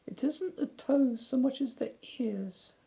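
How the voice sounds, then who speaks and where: A man voicing a tiny, timid and anxious young piglet in a storybook reading, with a squeaky, hesitant delivery. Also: measured pace, vocal fry, mellow, full character voice.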